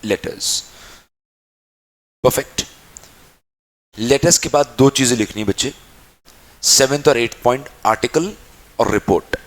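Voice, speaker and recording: A man's voice: medium pitch, a little slow, long pauses. Hindi-speaking male teacher lecturing students. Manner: affectionate, calls students child and dear; plays out students' questions in a lively back-and-forth. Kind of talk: classroom lecture.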